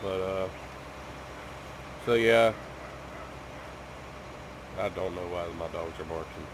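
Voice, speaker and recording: Slow and low-voiced, a man with a cough wanders through a casual chat with his viewers from home. He's a gaming YouTuber, and his talk is riddled with ums and restarts against some background noise.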